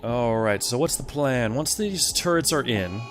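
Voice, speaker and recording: Here a man of medium pitch speaks in an animated way at a measured pace, hosting a let's play where he thinks aloud and talks casually to the characters on screen. Game music sits faintly in the background.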